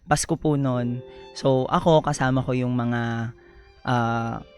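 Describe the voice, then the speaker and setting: A young man, a guest on a radio talk show, telling his life story in a soft-spoken, polite way, often slipping into English. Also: medium pitch, steady tone, takes it slowly, soft background music. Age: young adult. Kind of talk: personal storytelling interview.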